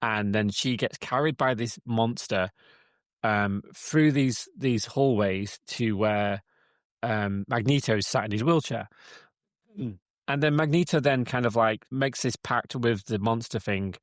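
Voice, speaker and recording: A man's voice: mid-range voice, measured pace, no room sound, clean studio sound. A man co-hosting a casual podcast from a cabin in the woods, retelling a film plot with many restarts. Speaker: podcast co-host. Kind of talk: casual chat.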